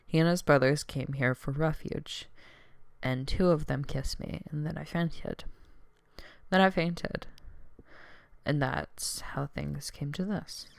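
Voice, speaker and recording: A woman's voice: low voice, slow pace, creaky, dry recording. A woman streamer reading a story aloud, reading the narration evenly and then breaking off into chatty, giggly asides.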